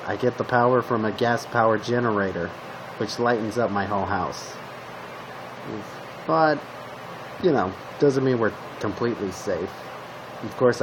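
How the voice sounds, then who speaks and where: In a noisy amateur recording, a man with a lowish voice speaks haltingly as a roleplay video creator. He plays a calm zombie apocalypse survivor, offering weapon tips in a casual improvised monologue to the listener.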